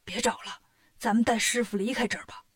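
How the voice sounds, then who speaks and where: A woman's voice: fairly high pitch, fairly even intonation, quick pace, lightly acted. Woman doing a worried monk disciple. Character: anxious steady male monk disciple.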